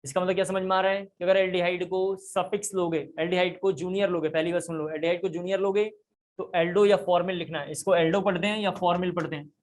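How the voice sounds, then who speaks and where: A man's voice: high-pitched, steady tone, fast. A man teaching a chemistry class, explaining step by step and repeating key points. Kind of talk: classroom lecture.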